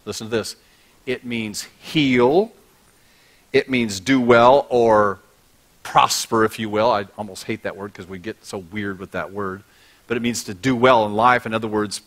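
A man's voice: fairly low pitch, measured pace, fairly bright tone. A middle-aged man, a pastor, preaching a conversational and humorous sermon on a large church stage, through a body-worn mic. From United States.

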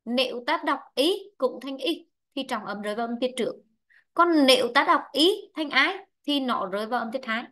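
A woman teaching English online, explaining word-stress rules slowly and repeating herself with many fillers. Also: sits high, animated, pushed and bright. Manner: repetitive, drawn-out explaining with frequent fillers. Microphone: online lesson mic.

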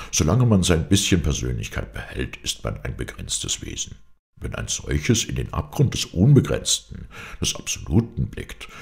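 A man voicing a melancholy, brooding man who grieves for his lost wife and son, speaking in a hoarse voice with a philosophical, mournful manner. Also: extremely low pitch, exaggerated voice.

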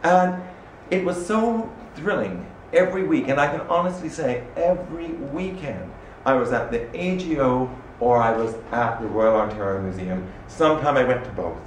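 A middle-aged man from Canada giving an animated, expressive public talk as an arts director in a small room. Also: mid-range voice, moderate pace, few pauses. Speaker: arts director speaking at a salon. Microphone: standing microphone. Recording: echoey room from far off, faint noise.

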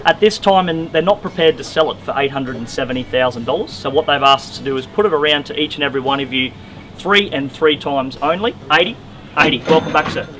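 A man's voice: on the high side, quick pace, fairly bright tone, slight background noise. A young Australian man working as an auctioneer, addressing bidders outdoors with formal, courteous patter. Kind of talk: live auction bid calling. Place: open-air wooden deck outdoors. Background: music.

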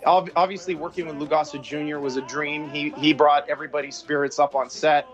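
The guest is a film director in his forties, Canadian-accented, talking reflectively with many restarts over a video call from home. He speaks fairly quickly in a slightly high, steady voice over soft background music, and the call quality is dull and lo-fi.

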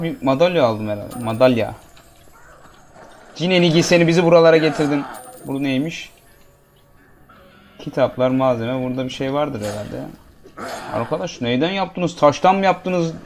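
A man's voice: medium pitch, expressive, moderate pace, pauses often, a little hiss or hum. A man giving casual, jokey let's-play commentary and talking back to the game characters as he plays. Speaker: gameplay commentator.

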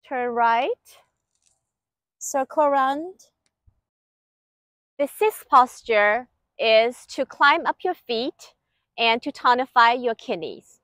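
A woman with a high voice leads an exercise class as its instructor. She gives one short, clipped direction at a time at a slow pace. The sound is close and dry. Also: fairly bright tone, no echo. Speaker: qigong instructor. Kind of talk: exercise instruction, step-by-step cues. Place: outdoor lakeside paved terrace.

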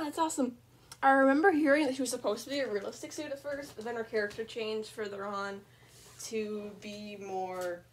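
A woman chatting casually while unboxing, gushing and excitable, and a bit sniffly, swinging between squeals and soft murmurs. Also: medium pitch, slight background noise. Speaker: vlogger unboxing a fursuit.

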